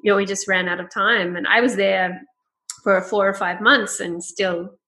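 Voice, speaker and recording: Bright-voiced chatty woman host. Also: medium pitch, steady tone, normal speed. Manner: chatty, laughs often, mimics phrases. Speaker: podcast host. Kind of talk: casual chat.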